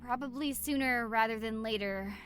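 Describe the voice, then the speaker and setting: A woman's voice: a little high, moderate pace, over music, natural voice. A woman voicing a fiercely competitive, hot-tempered and petulant young female gamer in a video game. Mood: bitter resignation. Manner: aggressive, petulant.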